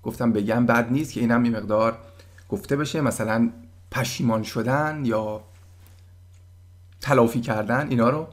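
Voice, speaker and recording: A man giving a casual German lesson, patiently explaining words and sounding them out slowly. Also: medium pitch. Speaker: German language teacher.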